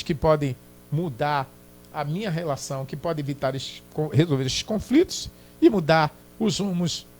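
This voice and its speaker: A man preaching a sermon as pastor, emphatic and repetitive, often checking that listeners follow. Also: on the high side. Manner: emphatic, repetitive, keeps asking "Entendeu?".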